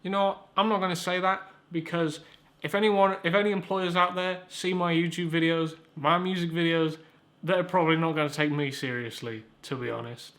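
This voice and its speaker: A man's voice: on the high side, fairly even intonation, normal speed, a bit bright. A young man hosting a comedic review, rambling and sarcastic, with stammered restarts and casual swearing. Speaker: YouTube reviewer, host. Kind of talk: casual comedic video commentary.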